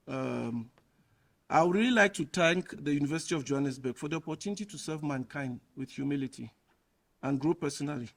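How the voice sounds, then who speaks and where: A man from Cameroon, a professor giving an earnest, measured inaugural lecture and reading an ode. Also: medium pitch. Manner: earnest, measured public speaking. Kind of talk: formal speech and reading an ode.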